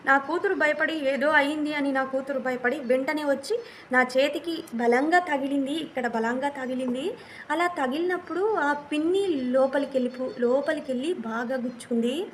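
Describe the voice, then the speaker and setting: A woman with a high voice tells a personal story to her viewers in a casual vlog. She speaks earnestly and plainly, often repeating herself as she goes. A faint hum of room noise sits underneath. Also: moderate pace. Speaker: vlogger.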